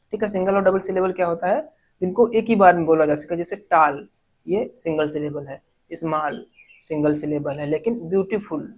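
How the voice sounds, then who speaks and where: A woman teaching an exam-prep grammar lesson, reading English sentences slowly word by word and then explaining them. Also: fairly low pitch, a little mellow, husky, rough recording.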